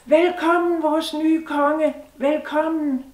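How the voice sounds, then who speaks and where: Jubilant town crowd shouting a welcome, voiced by a woman storyteller, distant echoey mic. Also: fairly high pitch, pitched above the performer's own voice, natural voice. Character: cheering crowd of townspeople. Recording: roomy sound from a distant mic.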